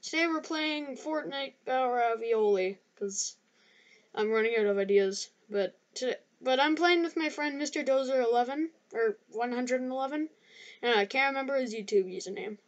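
A woman's voice: high voice, lively intonation, moderate pace, lo-fi sound. Young woman chatting over gameplay. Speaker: gaming youtuber. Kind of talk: casual gameplay chat.

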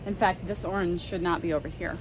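A woman's voice: lowish voice, steady tone, fairly quick, a little hiss or hum. Chatty American woman vlogging in a greenhouse. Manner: chatty and enthusiastic, many ums and restarts. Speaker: flower farmer and nursery owner. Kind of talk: casual vlog walkthrough. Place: large greenhouse nursery. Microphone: handheld phone at arm's length.

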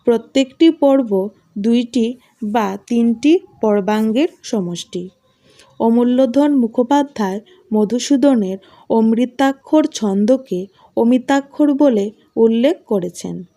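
A woman teacher reads study notes aloud, point by point. She speaks very slowly and deliberately, and her voice is soft and mellow. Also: fairly high pitch. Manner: slow, measured dictation of points. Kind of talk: reading out exam study notes.

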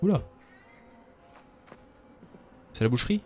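A man's voice: very fast, warm tone, a little hiss or hum. A man streaming a game, chatting casually with viewers and cracking self-mocking jokes. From France. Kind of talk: casual gameplay commentary.

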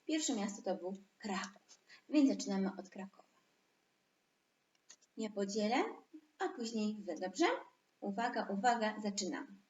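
A woman's voice: mid-range voice, expressive, a little mellow, lo-fi sound, a little hiss or hum. A woman teaching an online lesson to young children, stretching out words for them to repeat. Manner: slow, drawn-out syllables for children to repeat. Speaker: preschool teacher. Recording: echoey room.

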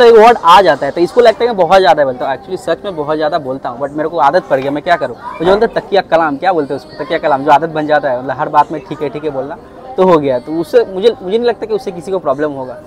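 A man's voice: a little high, rough recording. A young Indian man hosting a casual food vlog on an outdoor rooftop through a clip-on lapel mic, saying "theek hai" after nearly every sentence. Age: young adult. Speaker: food vlogger.

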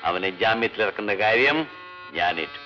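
An actor playing a scheming male crime boss on the phone, slow and sly in his delivery. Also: fairly low pitch, music in the background, natural voice. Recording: dull old film soundtrack.

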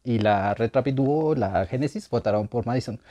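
A young man with a Mexican accent chatting campily about a drag show, gossipy and expressive. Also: mid-range voice, normal speed, no room sound. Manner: campy, gossipy, expressive with big laughs. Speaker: drag reality show panelist. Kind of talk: casual chat.

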